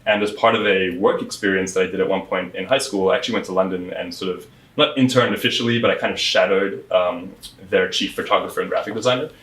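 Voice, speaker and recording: A young man from South Africa talks through his background as an interview guest, easygoing and full of "like" and "you know." His voice sits low and sounds a bit distant. The echoey room is a bright storefront space. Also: fairly even intonation, fast talker. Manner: chatty storyteller, many likes and fillers, laughs often. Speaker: guest, PR firm founder. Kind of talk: casual interview chat. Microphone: lapel mic. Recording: roomy echo, mic at a distance.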